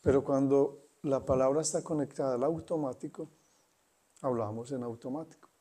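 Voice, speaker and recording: Mellow-voiced man giving a spiritual talk. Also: medium pitch, fairly even intonation. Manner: unhurried, pausing often, conversational. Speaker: spiritual teacher. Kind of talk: satsang talk.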